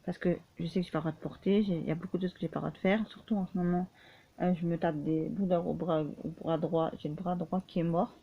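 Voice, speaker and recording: A woman vlogging casually, speaking haltingly with many restarts and fillers, often tired and short of breath. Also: lowish voice, fairly even intonation, husky. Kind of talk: casual personal vlog. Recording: tinny phone-like sound.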